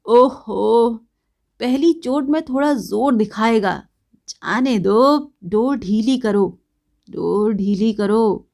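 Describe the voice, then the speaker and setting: A woman doing a loud mocking drunkard. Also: mid-range voice, steady tone, slow pace.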